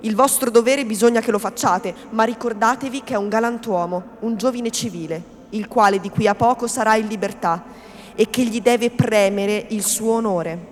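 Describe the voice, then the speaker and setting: A woman's voice: a little high, normal speed, natural voice. A woman reading the part of a scheming male notary who coaxes his prisoner with falsely kind words. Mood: stern. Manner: coaxing, falsely kindly, then stern. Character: smooth-talking scheming middle-aged male notary. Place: reading event in a hall. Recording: long hall reverb, faint background noise.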